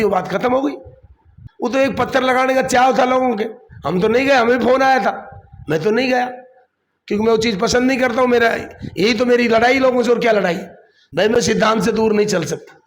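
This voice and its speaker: A man, a district council chief answering a political interview defensively and repeating his points. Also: extremely high pitch.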